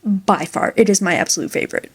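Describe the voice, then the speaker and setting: A woman's voice: mid-range voice, fast, slightly rough. A woman talking through a book in a casual review vlog, chatty and enthusiastic with lots of fillers.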